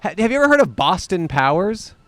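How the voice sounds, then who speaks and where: A man's voice: sits high, very animated, fairly quick, fairly bright tone, no room sound. A man hosting a podcast outdoors, chatting in a playful, jokey way and reading an ad. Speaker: podcast host. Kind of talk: casual chat and ad read. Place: outdoors on a college campus.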